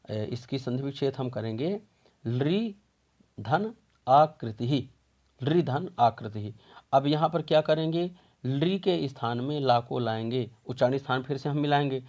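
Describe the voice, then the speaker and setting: Male grammar teacher, patient and methodical, mid-pitched voice, slightly muffled lo-fi recording. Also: moderate pace, a little mellow. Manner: patient, repeats questions and answers them himself. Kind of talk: explaining a grammar lesson step by step.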